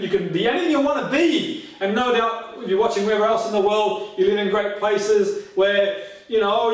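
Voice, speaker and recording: In a very echoey room, picked up by a far-off microphone, a high-voiced Australian motivational speaker delivers a goal-setting seminar. He speaks straight to the audience, returning to his catchphrases and asking rhetorical questions.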